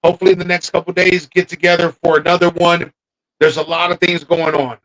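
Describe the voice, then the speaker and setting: A man with a notably high voice co-hosts a relaxed podcast chat. He thinks out loud, drifts off mid-sentence and starts again. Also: brisk, rough recording. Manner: thinking aloud, trailing off and restarting. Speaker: podcast co-host. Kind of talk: casual wrestling chat.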